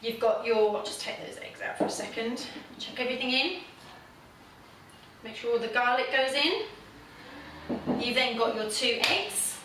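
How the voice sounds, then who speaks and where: A woman's voice: fairly high pitch, unhurried, long pauses, distant mic, noisy background. A woman hosting a casual home cooking demonstration, chatty and self-deprecating, with plenty of fillers. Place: home kitchen. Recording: very echoey room, voice from off the mic.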